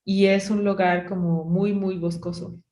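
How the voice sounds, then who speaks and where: A woman's voice: medium pitch, flat delivery, measured pace, mellow, reverberant. A woman with a Mexican accent hosting a podcast, chatting casually and filling her story with "o sea" and "¿no?". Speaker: podcast host. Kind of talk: casual chat.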